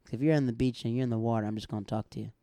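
An American man in casual chat, telling animated stories and acting out the people he quotes. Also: medium pitch, very fast, no room sound. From United States. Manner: animated storyteller who acts out quoted dialogue.

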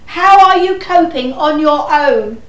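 A woman playing a kindly neighbour who repeats herself loudly and slowly to a deaf friend. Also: high-pitched, lively intonation, echoey room, rough recording. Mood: patient. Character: kindly neighbour woman, patient but exasperated.

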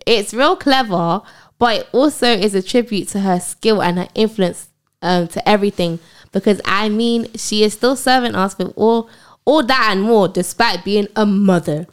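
A young woman co-hosting a podcast, excitable and animated in casual chat. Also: medium pitch, clear, resonant tone. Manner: excitable, animated shout-outs and quick apologies. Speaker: podcast co-host.

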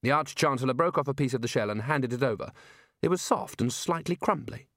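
A man narrating an audiobook in a measured storytelling way. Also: medium pitch, lively intonation, a bit bright, dry recording, studio quality. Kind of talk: scripted narration.

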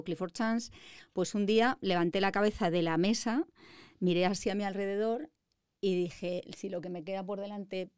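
A woman's voice: on the low side, a little mellow, clear, resonant tone, dry recording, studio quality. A woman in her fifties with a Madrid Spanish accent, a lawyer telling her story in an interview with confident, articulate ease. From Spain. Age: 50s. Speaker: guest, lawyer. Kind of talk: interview conversation.

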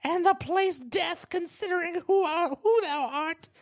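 A woman putting on a shrill old hag voice. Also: measured pace. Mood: shrill, hammy. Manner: theatrical verse reading, breaking into giggles. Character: cackling shrill old hag as young heroine. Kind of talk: comic script read-aloud.

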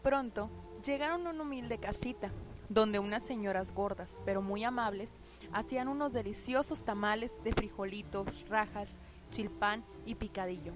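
Soft-spoken woman narrating a children's story. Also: mid-range voice, moderate pace. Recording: narration over background music.

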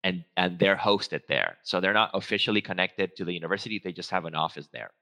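A low-pitched man gives a casual talk on stage. His voice is bright and forceful, and he wanders through his points with lots of "um"s, restarts and quick self-corrections. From Venezuela. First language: Spanish. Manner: rambling, full of fillers and restarts. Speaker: guest speaker, research trainer.

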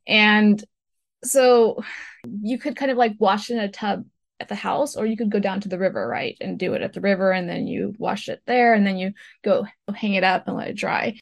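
A woman's voice: mid-range voice, moderate pace, gravelly, no echo. A woman from Ecuador, a food blogger, telling chatty stories from her childhood as an interview guest. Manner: chatty storyteller, laughs while telling. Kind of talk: casual interview chat.

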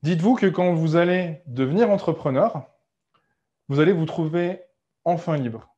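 A man giving a casual, conversational talk on starting a business, full of fillers and quick self-corrections. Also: a little high, warm tone, lo-fi sound. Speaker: entrepreneurship coach. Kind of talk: casual explanatory talk to camera.

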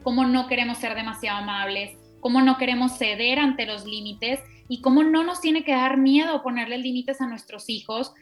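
Higher-voiced woman explaining parenting. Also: moderate pace, few pauses, soft background music. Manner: explains steadily with many examples. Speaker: parenting podcast co-host. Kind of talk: casual explanatory chat.

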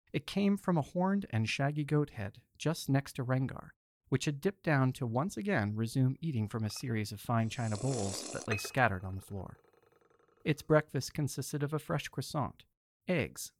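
A man's voice: medium pitch, no room sound, clean studio sound. A man hosting and narrating an audio story collection in a theatrical storyteller manner. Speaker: host and narrator.

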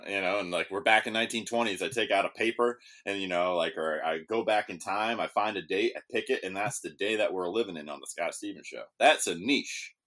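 A man with a low voice hosts a casual podcast into a studio microphone, rambling between topics, swearing freely, and restarting sentences. He speaks briskly with few pauses and a fairly bright tone.

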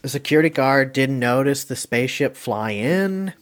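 A man's voice: medium pitch, lively intonation, moderate pace. A man hosting a casual podcast movie review, rambling and hesitant with lots of ums and likes, chuckling now and then.

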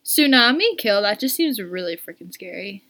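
A woman's voice: mid-range voice, very animated, moderate pace, pushed and bright. Playful young woman podcaster. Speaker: podcast co-host. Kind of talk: casual chat.

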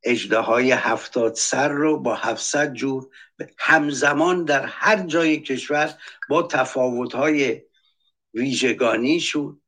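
A man's voice: medium pitch, a bit bright. A man speaking on a political talk show, reading testimonies aloud and denouncing with anger. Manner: impassioned, reads testimonies aloud; angry, denouncing. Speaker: panelist.

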